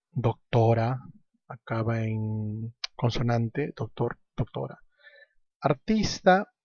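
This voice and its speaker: A male teacher walks slowly through grammar exercises, stressing each example word before he explains it. His speech is unhurried and deliberate. The recording is dry and a little dull. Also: medium pitch, no room sound. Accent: Peruvian Spanish. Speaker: language teacher.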